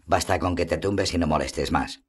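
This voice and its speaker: A man's voice: sits low, moderate pace. A man reading a scornful sorceress. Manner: scornful, breathless. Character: proud female sorceress, cold and mocking.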